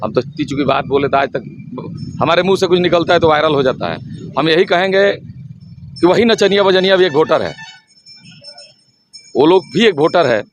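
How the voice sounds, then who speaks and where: Middle-aged man, high-pitched, fiery candidate voice, punchy rhetoric, slogans on repeat. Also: expressive, normal speed, long pauses, background noise. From Siwan district, Bihar, India. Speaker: local election candidate. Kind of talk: impassioned campaign interview.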